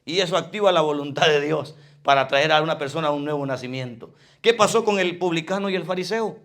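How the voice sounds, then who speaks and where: A man preaching a sermon, fervent, swinging between loud emphasis and quiet asides. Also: on the high side, fast talker.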